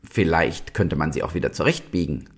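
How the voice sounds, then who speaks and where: A man's voice: very deep voice, lively intonation, fairly quick, slightly rough, heavily acted. A man reading a storybook aloud and voicing a kind-hearted hare who muses hesitantly. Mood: musing.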